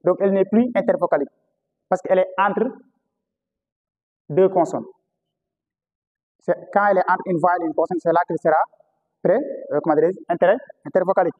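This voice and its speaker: A male teacher with a Senegalese French accent lectures a class in a fairly high voice. He repeats key terms and puts questions to the students. The sound carries a long reverb. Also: fairly even intonation, fairly quick, pauses often, phone-quality sound. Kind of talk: classroom lecture on historical phonetics.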